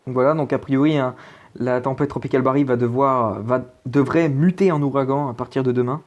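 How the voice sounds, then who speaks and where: An amateur presenter runs through a weather forecast over maps a bit quickly, his medium-pitched voice fairly even and the highs cut off. He sounds casual and hesitant, with many fillers and restarts.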